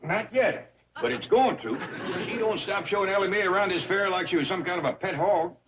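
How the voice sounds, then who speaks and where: A man's voice: high-pitched, expressive, brisk, crowd noise. A man playing a patient, plain-spoken hillbilly father, drawling mildly in 1960s sitcom style. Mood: exasperated. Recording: dull TV audio with studio audience.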